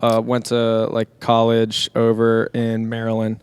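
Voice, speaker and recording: A young DJ and producer from the San Diego area in California talks on a podcast in a rambling, laid-back way, full of fillers. His medium-pitched voice is completely flat and a little slow, with a clear, resonant tone and no room sound.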